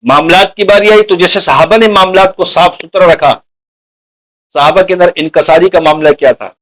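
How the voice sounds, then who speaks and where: Man, preacher, high voice, sermon, rhetorical questions to the congregation. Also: a bit bright, rough recording. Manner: addresses listeners as dear companions.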